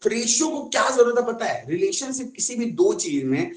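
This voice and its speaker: Lively, high-voiced male maths teacher. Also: moderate pace, reverberant, poor audio. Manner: chatty, asks students rhetorical questions. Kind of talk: casual online maths class.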